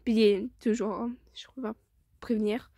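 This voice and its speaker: A woman's voice: fairly high pitch, fairly even intonation, normal speed, gravelly, warm tone, no echo, clean studio sound. A woman casually reading a fan story aloud, stumbling over words, correcting herself and mocking her own reading. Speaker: fan fiction reader.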